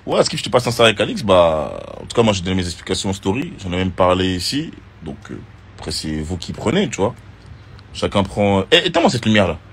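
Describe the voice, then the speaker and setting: A man with a low, slightly husky voice talks loosely to his followers and drops plenty of slang and fillers. He answers viewer questions in a laid-back social media chat. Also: fast. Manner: relaxed and slangy, with many fillers. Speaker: reality TV contestant.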